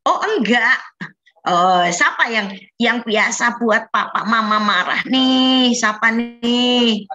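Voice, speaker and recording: A woman's voice: a little high, slow, sharp tone, lo-fi sound. A woman leading a children's Bible lesson over a video call, patiently coaxing the kids with questions. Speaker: children's Sunday school teacher.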